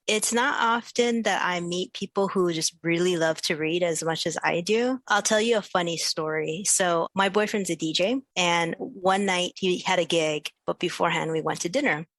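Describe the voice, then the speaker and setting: A woman's voice: lowish voice, normal speed, hardly any pauses, fairly bright tone, dry recording. A woman hosting a podcast, upbeat and friendly, asking questions and telling anecdotes. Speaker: podcast host.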